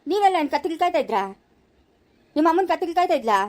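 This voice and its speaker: An angry village father shouts down his relatives in a rural Chikkaballapura accent, played by a woman. The voice sits high and the scolding comes fast. It is amateur family-drama acting. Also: lively intonation. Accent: rural Chikkaballapura Kannada. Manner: scolding, loud and indignant. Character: angry middle-aged village father defending his wife.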